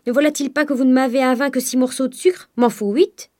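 A woman's voice: high-pitched, steady tone, brisk, a little mellow, voice pushed up, lightly acted. A woman voicing a blunt, stubborn female servant cook in an audiobook, speaking in an outspoken, insistent way.

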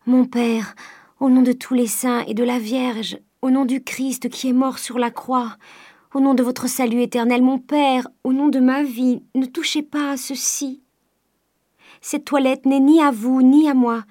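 A woman's voice: fairly even intonation, unhurried, dry recording, clean studio sound. A woman voicing a desperate young woman pleading. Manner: high, loud, imploring.

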